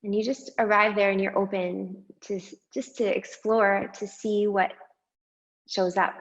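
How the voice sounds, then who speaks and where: A woman guiding a meditation and breathing exercise, speaking slowly and softly with long pauses. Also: medium pitch, little pitch movement, muffled recording. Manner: slow, soft and unhurried with long pauses. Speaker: meditation guide. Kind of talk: guided meditation.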